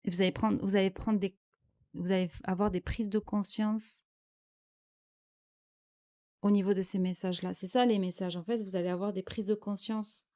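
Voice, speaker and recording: Hesitant woman reading tarot, mellow tone. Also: mid-range voice, fairly even intonation, normal speed, long pauses. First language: French. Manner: hesitant, searching for words with many fillers. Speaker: tarot card reader.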